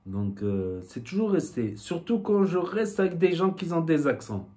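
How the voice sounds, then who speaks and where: A man's voice: on the high side, very animated, moderate pace, mellow. Rambling man with a southwestern French accent. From southwest France. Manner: rambling, many fillers and repeated "voilà". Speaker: YouTuber. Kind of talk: casual vlog talk to camera.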